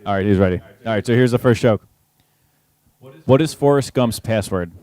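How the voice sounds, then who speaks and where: A man's voice: on the low side, normal speed, dark tone. A young man co-hosting a podcast in casual chat, laid-back and peppering his talk with "like" and "dude". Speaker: podcast co-host.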